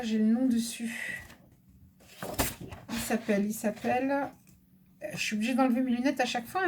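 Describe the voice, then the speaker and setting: A woman with a high voice chats casually through a craft haul, hesitant and full of fillers. She talks to viewers and now and then to a helper next to her. Faint background noise can be heard. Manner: chatty, hesitant with many fillers, addresses viewers and an assistant. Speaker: craft vlogger. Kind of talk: casual haul video chat.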